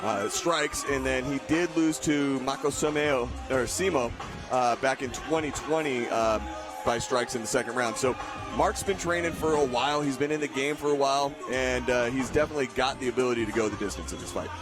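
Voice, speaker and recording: A man's voice: mid-range voice, a little fast. A man giving conversational, enthusiastic live commentary as a fight commentator. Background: music.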